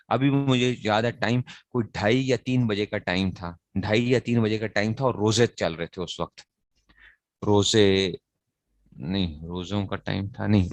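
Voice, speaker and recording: Low-voiced male teacher, dry sound. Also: no echo. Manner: asks rhetorical questions and answers them, repeats key phrases; recites verb conjugations in a slow chant. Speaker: teacher of grammar to students. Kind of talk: classroom lecture.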